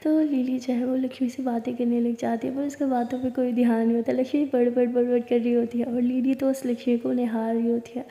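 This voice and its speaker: A woman telling a love story in whispered role-play, narrating in an intimate, breathy whisper. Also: on the high side, little pitch movement, brisk, hardly any pauses, dark tone. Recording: roomy reverberant echo.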